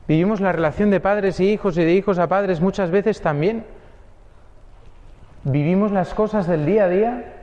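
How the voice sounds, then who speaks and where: A man's voice: high-pitched, warm tone, reverberant, in a large hall, muffled recording. A man, a priest giving an earnest sermon that speaks straight to each listener. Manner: earnest, addresses listeners directly.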